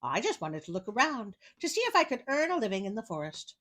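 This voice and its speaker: A woman voicing a boastful but meek male tailor in a read-aloud storybook, speaking plainly and quietly. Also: fairly high pitch, big pitch swings, fast talker.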